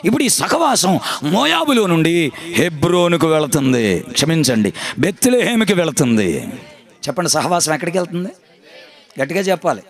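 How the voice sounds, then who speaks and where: A man's voice: on the high side, sing-song, moderate pace. A man preaching a sermon as pastor, emphatic, repeating his phrases and calling on the congregation to answer. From India.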